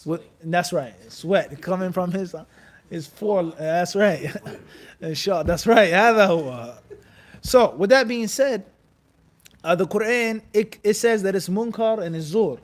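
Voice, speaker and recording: Speaking a little slowly with a voice that sits high, an Islamic teacher runs a mosque class that is streamed live. He asks questions, has listeners finish his lines, and blends Arabic terminology into his English in a lively, conversational lecture.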